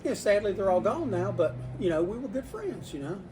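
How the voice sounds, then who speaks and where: An older man, a comic shop owner telling animated stories in a casual interview inside his store. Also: fairly quick, music in the background. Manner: animated storyteller, voices customers with rising pitch.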